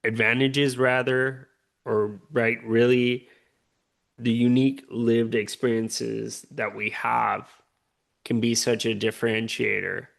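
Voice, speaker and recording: A man's voice: medium pitch, flat delivery, slow, creaky, fairly bright tone. A man, an earnest, upbeat interview guest who often checks in with "right?". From Puerto Rico. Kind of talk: conversational interview.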